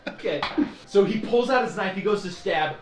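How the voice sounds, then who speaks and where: A man narrating a tabletop game as game master, animated, laughing often and filling his speech with "like". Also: high-pitched, moderate pace, reverberant, a loud crowd, poor audio.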